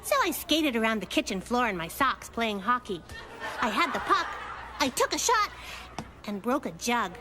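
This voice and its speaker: A woman voicing a spirited, quick-witted little girl in a children's cartoon, telling things in a playful way. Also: fairly high pitch. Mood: playful storytelling. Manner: animated, playful storytelling.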